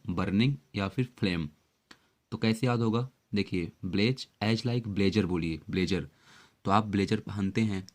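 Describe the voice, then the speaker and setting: A man's voice: low-pitched, darkish tone. A man giving a chatty vocabulary lesson for exam students, asking the viewer repeated questions. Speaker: exam-prep vocabulary teacher. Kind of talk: explanatory lesson.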